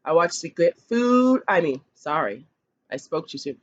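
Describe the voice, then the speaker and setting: A woman who teaches kindergarten, reading picture books aloud slowly and expressively, with chatty asides to the children. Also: highs cut off. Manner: slow, expressive read-aloud with lively pitch, chatty asides.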